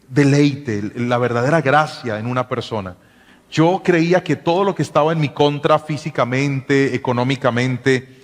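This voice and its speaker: A man, a pastor, telling his own story and giving counsel in an animated way, with stammered repeats. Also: mid-range voice. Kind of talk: personal testimony and counsel. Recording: long hall-like reverb.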